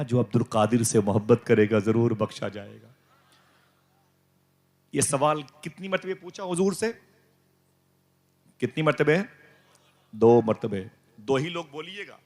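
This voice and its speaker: A man preaching a devotional sermon to a live gathering, emphatic and rising to loud calls for the crowd to respond. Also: medium pitch. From South Asia.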